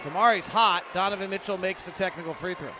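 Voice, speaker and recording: A man doing live basketball play-by-play, in clipped running descriptions that burst into excited calls. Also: high-pitched, fast talker, a crowd in the background. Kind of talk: live game commentary. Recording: noisy arena sound. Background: gym noise, bouncing basketball.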